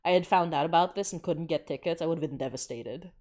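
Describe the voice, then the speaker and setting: A woman co-hosting a livestream, chatting casually in an expressive, gushing, informal way. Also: deep voice, quick pace. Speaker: livestream co-host. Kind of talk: casual chat.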